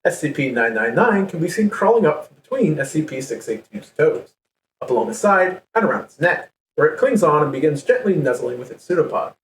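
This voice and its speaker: A man's voice: a little high, sing-song, fairly quick. A man who hosts a podcast reads a story aloud to his guests in a playful way, laughing now and then. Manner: playful, laughs while reading. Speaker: podcast host. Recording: echoey, distant mic with faint background noise.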